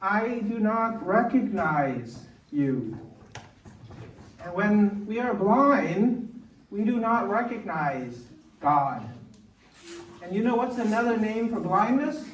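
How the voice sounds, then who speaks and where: Priest teaching kids, slow halting delivery, distant mic in an echoey hall with children. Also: male voice, high-pitched, slight background noise. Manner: slow, halting, with many fillers and restarts. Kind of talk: Lenten lesson for children. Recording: roomy hall, crowd behind, far off.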